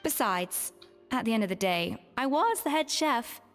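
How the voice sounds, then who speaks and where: An actress playing a composed former head chef who speaks in a measured, dignified way. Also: female voice, fairly high pitch, animated, in a large hall, soft background music.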